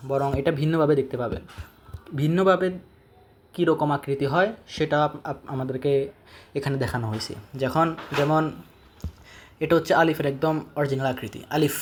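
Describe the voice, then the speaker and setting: Patient man teaching letter sounds. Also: on the high side. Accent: Bangladeshi Bengali. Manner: patient, repeats each sound slowly for the learner. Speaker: Quran reading teacher. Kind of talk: step-by-step lesson on Arabic letters.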